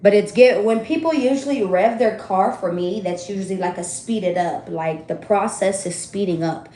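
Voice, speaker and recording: A woman reads tarot cards for her viewers in a loose, chatty way, breaking into laughter and swearing freely. Her voice sits at a middle pitch. The room around her sounds echoey. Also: normal speed, dark tone. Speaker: tarot reader. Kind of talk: casual tarot reading to viewers. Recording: roomy echo.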